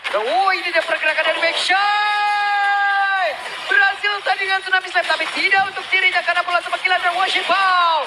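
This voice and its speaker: An Indonesian man working as an esports caster, giving excited play-by-play that bursts into shouts and drawn-out words. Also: very high voice, a loud crowd, heavy background noise. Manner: shouts and stretches words at big plays.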